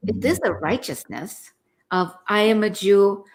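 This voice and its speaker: A woman's voice: medium pitch, expressive, a little slow, heavy background noise. A woman co-hosting a casual online conversation, musing in a reflective, spiritual way. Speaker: co-host.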